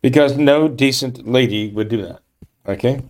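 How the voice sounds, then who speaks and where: Reading a news article aloud at normal speed, this man in a mid-range, darkish voice gives an indignant political monologue. He's emphatic, often restarts his sentences, and keeps adding tag questions like "okay? right?"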